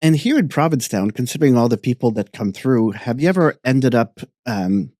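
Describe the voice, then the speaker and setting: A man hosts a casual interview in a soft-edged, mellow voice of medium pitch. The recording is close and dry, with very little room. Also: lively intonation, a little fast, dry recording.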